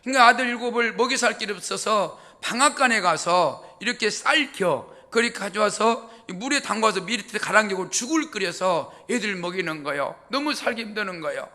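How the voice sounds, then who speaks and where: Folksy bright-voiced pastor. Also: male voice, high-pitched, expressive, a little fast, hardly any pauses. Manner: folksy, joking, laughs at own jokes. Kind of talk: humorous storytelling sermon.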